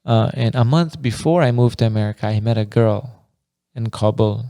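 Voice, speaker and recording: A man's voice: medium pitch, moderate pace, creaky, dark tone, smooth, no room sound, studio quality. A man in his twenties, from Afghanistan, co-hosting a podcast in casual chat, laughing often and telling stories in loose slang. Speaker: podcast co-host.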